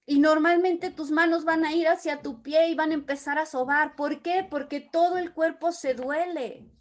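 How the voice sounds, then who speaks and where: A woman's voice: sits high, steady tone, normal speed. A woman leading a Bible study, reading scripture aloud and explaining it with everyday examples. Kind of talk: Bible teaching.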